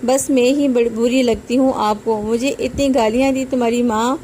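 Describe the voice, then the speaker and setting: A demanding young wife, quick to quarrel and to cry, voiced by a woman narrator. The voice is mellow and a little high, with faint noise in the background. It is read plainly in a storybook way. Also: fairly even intonation, natural voice. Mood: angry.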